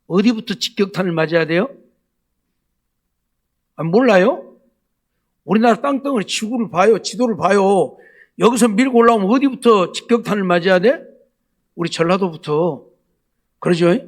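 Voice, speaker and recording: A man's voice: high-pitched, normal speed, long pauses. A male pastor preaching a Sunday night sermon, asking the congregation rhetorical questions again and again. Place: church sanctuary.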